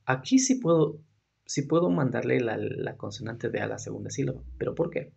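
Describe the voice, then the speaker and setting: A man walks through a grammar lesson, posing rhetorical questions and checking in with his students as he goes. His voice is very husky and heavily gravelly, sitting at a middle pitch. He is a native Spanish speaker teaching English. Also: animated, normal speed, darkish tone, muffled recording.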